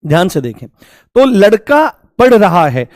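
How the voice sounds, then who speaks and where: Male teacher, fairly high voice, dry close sound, repeats examples and quizzes students. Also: very animated, unhurried, no echo. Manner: repeats examples, coaxing students with rhetorical questions. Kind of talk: online grammar lesson.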